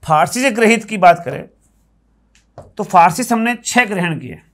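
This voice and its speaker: An Indian man teaches grammar at a board, patiently explaining, slowly repeating words and asking the class to answer yes or no. His voice is high-pitched, expressive and fairly bright.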